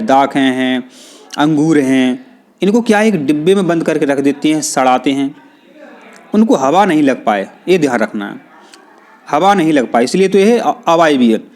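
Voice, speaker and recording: A man's voice: a little high, a little mellow. A man teaching a science lesson, who keeps putting questions to his students and answering them himself. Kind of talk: classroom explanation.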